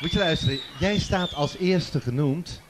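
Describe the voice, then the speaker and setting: A man's voice: a little high, moderate pace, background noise. A man presenting a children's song contest on stage in a large festival tent, joking and teasing the audience into a handheld microphone. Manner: jokey, chatty, teasing the audience. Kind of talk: live stage hosting.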